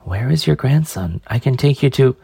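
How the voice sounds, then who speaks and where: A man's voice: mid-range voice, lively intonation, moderate pace, vocal fry, mellow, husky, no echo, studio quality, pitched above the performer's own voice, exaggerated voice. A man voicing a frightened young man who stammers and speaks in a flustered way.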